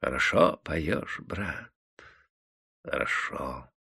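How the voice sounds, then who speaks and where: A man voicing a calm, kindly tavern keeper who speaks softly and unhurriedly. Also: sits low, gravelly, slightly rough, no room sound, clean studio sound, full character voice. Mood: approving. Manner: soft, quiet, unhurried.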